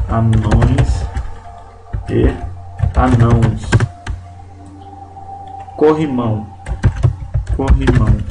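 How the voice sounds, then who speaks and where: A man teaching a Portuguese grammar lesson, speaking slowly and deliberately and often checking in with his listeners. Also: medium pitch, roomy sound, low-quality recording. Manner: slow and deliberate, checks in with "né?" and "não é isso?".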